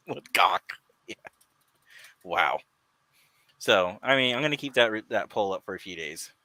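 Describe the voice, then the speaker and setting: A man's voice: on the low side, lively intonation, unhurried, pushed and bright, dry recording, poor audio. A man co-hosting a casual online talk show, rambling and laughing often. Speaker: podcast co-host. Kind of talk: casual chat.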